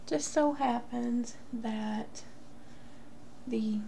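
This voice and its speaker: Woman, thirties, gossipy casual storytime, very creaky voice, slow and rambling, home camera recording. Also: fairly high pitch, dark tone, slight background noise. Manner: gossipy, rambling, halting delivery with tangents. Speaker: vlogger. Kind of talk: casual confessional get-ready-with-me storytime. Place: small room at home, indoors.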